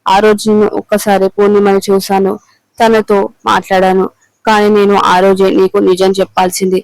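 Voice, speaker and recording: Guy reading remorseful husband begging to be heard, smooth high voice. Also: completely flat delivery, moderate pace, no room sound, rough recording. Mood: pleading. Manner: pleading. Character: pleading remorseful middle-aged husband.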